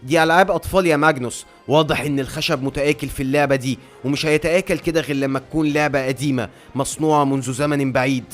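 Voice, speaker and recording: A man's voice: a little high, fairly even intonation, very fast, faint music behind, close to an everyday voice. A man voicing a nervous noblewoman who answers her cruel husband back, with an Egyptian accent. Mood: defensive. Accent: Egyptian Arabic. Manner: tense, defensive.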